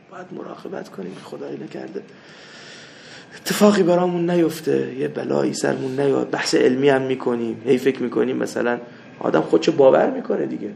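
A man teaching a seminary lesson, mixing anecdotes with doctrine, swinging from loud rebukes to soft asides. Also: medium pitch, creaky, a little hiss or hum. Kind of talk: religious lecture with anecdotes. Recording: echoey room with faint ambience.

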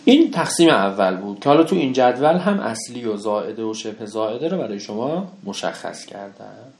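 A male teacher in the middle of a grammar lesson. He puts questions to the class and answers them himself. He slows down to read Arabic phrases before explaining them. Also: fairly low pitch. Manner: lively explaining, asks and answers his own questions; reads Arabic textbook phrases slowly, then explains them.

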